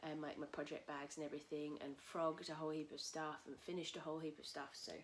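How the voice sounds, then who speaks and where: A woman hosting a casual knitting podcast from home, a little husky from a cold, chatting in a rambling way with many fillers. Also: low voice, flat delivery, fast talker, slight background noise. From England. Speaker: podcast host. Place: at home in a tiny house. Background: cockatoos calling outside.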